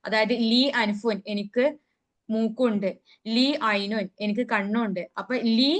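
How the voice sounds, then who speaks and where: A woman's voice: fairly high pitch, steady tone. Woman teaching an online grammar class. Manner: asks students questions and answers them herself; recites Arabic words slowly. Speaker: Arabic teacher.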